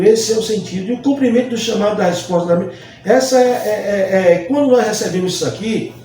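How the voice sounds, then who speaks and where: A man's voice: sits high, mellow, a little hiss or hum. A man from Bahia, a Baptist pastor, teaching a Bible study lesson earnestly and repeating phrases for emphasis. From Bahia, Brazil. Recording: distant mic, very echoey room.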